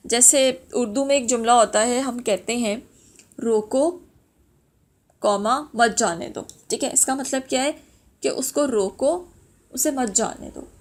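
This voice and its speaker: Woman, somewhat high voice, sales trainer, code-switching, hesitant fillers. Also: normal speed, a little mellow. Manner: mixes English phrases into Urdu-Hindi, frequent fillers. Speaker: sales and customer service trainer. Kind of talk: instructional talk.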